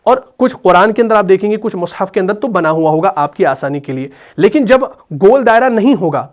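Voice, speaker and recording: A man with an Urdu accent teaching Quran reading rules in a patient explanatory lesson, often checking that his students understand. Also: high-pitched. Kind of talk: explanatory lesson with slow chanted recitation.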